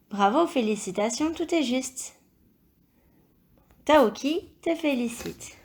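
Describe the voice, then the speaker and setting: A woman teaching a recorded phonics lesson to young children, speaking slowly and carefully, repeating each word and praising the answers. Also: a little high. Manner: slow, careful, encouraging, spells out sounds and syllables. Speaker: primary school teacher.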